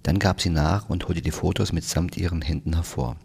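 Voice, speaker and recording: A man reading a novel aloud in wry, measured scripted narration. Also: sits low, steady tone, gravelly, a little mellow, slightly rough. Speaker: audiobook narrator.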